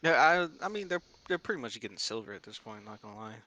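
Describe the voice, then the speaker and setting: A man's voice: medium pitch, very animated, quick pace, sharp tone, rough recording. A young man co-hosting a podcast, chatting casually in a blunt, sweary, ranting way. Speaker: podcast co-host. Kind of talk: casual chat.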